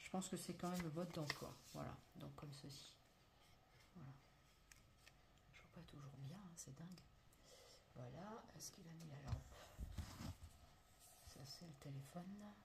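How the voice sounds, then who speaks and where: A woman's voice: deep voice, a little slow, gravelly, pauses often. A French woman casually showing craft supplies on a table, talking through each step with many fillers. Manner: chatty, many fillers and "voilà", narrating her hands. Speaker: crafts vlogger. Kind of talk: casual show-and-tell unboxing. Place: indoors at a table, not her home. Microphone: phone camera. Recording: loud crinkling and clicking noise.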